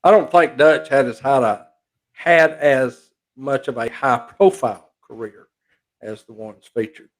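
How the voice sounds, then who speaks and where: A man co-hosting a casual talk show, answering a viewer question in a calm, measured way. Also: mid-range voice. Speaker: co-host. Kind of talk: casual chat.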